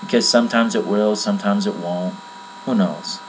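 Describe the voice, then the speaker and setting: A man's voice: on the low side, steady tone, moderate pace, rough recording. Offhand man with a faint mains hum. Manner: rambling and offhand, with many fillers. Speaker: tutorial maker. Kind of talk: casual screen-recorded software tutorial.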